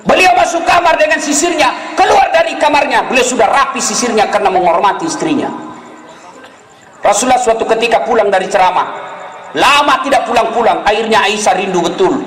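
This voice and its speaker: High-voiced animated preacher, echoey hall. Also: male voice. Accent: Makassarese Indonesian. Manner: animated, jokes with the crowd, acts out voices. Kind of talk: humorous sermon.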